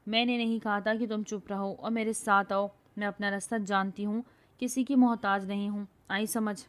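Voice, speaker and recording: A hot-headed young woman with a loud, scolding tongue, forever bragging and bossing people around, as a woman storyteller puts her on. Sharp-edged and quick to snap in an audio storybook. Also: medium pitch, fairly even intonation, close to an everyday voice. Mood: furious. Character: feisty bossy young woman, quick-tempered.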